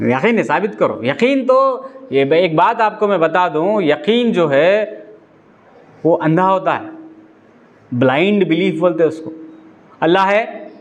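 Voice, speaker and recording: Male preacher, high voice, chatty and questioning delivery, teaching a religious talk. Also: animated, unhurried, pauses often. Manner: conversational, asks listeners rhetorical questions. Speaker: Islamic preacher.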